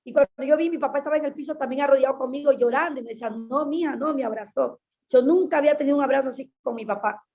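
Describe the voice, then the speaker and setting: A woman's voice: high voice, very fast. A woman pastor giving an earnest, emphatic personal testimony in an interview, often repeating her phrases. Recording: dull lo-fi sound.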